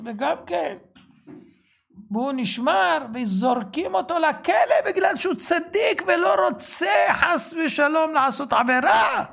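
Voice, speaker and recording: Fervent religious teacher, male, gravelly voice, keeps asking the listener questions and suddenly raises his voice. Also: extremely high pitch. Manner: fervent, rhetorical questions, sudden shouted bursts. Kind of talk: Torah sermon.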